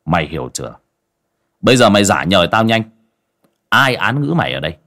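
A fierce young exorcist, as a man puts him on, scolding and cursing in a low voice. His pitch swings widely as he barks out commands. It suits a ghost-story audiobook. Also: sing-song, a little fast, a bit bright. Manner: harsh, scolding.

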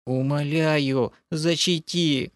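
A man voicing a small, panicky male swamp creature in an audiobook, with a shrill squealing voice that wails and repeats itself. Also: fairly even intonation, very slow, no room sound, clean studio sound. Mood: begging. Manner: wailing, repeats himself in panic.

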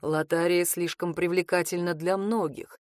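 A woman voicing a smug, teasing male lover in an audiobook, speaking low and slow. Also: steady tone, a little mellow, dry recording, clean studio sound, natural voice. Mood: stern.

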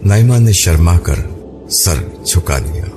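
A man narrating an audiobook novel in a measured, literary way. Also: sits low, lively intonation, over music. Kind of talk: scripted narration. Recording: noisy background hiss.

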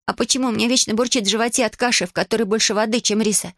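A woman's voice: on the high side, racing, dry recording, clean studio sound, voice pushed up. A woman voicing a determined young orphan girl who stands up to her stepmother, speaking firmly and pointedly, read for an audiobook. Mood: defiant. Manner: firm, pointed and steady.

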